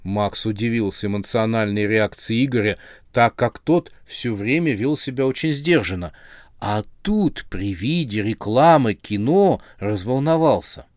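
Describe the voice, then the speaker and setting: A man narrating a horror novel as an audiobook, with lively storytelling. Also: lowish voice, measured pace, no echo, clean studio sound.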